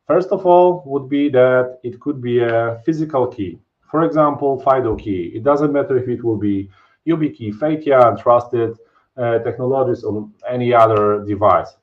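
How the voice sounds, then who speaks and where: A Polish man in his thirties presents a live technical webinar over a webcam from his home office indoors. His medium-pitched voice moves at normal speed as he explains casually with many fillers and tag questions, and the stream audio is dull and lo-fi.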